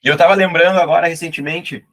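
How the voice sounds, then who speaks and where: A man's voice: on the high side, steady tone, fast talker, fairly bright tone. A middle-aged man with a southern Brazilian accent, a teacher telling folksy motivational anecdotes and acting out the characters in them. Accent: southern Brazilian (gaúcho). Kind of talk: motivational storytelling.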